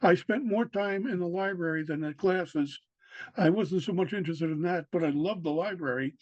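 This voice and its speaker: This high-pitched older New Yorker is a local historian answering questions in a relaxed recorded interview. He stumbles along with frequent fillers and restarts, captured on a dry, dull, lo-fi recording.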